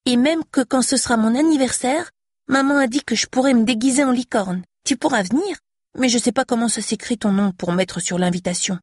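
Casting: a woman putting on a bubbly five-year-old girl, high and bright, slightly husky. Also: brisk, no echo, studio quality. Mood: chatty. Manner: high, pleading childlike voice.

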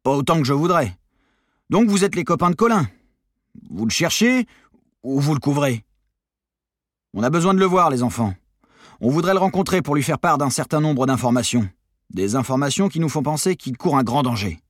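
Grey-haired hard-bitten newsman, read by a man, gruff and probing, husky. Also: fairly high pitch, animated, moderate pace, long pauses, no echo, studio quality, pitched above the performer's own voice. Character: grizzled gun-toting male reporter, gruff and pressed.

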